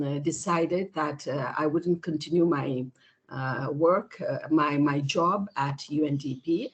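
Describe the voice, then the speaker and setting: A woman in her sixties from Nepal, answering interview questions over a video call in a thoughtful way, often pausing with fillers and restarting her sentences. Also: low voice. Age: 60s. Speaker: interview guest, women's rights activist.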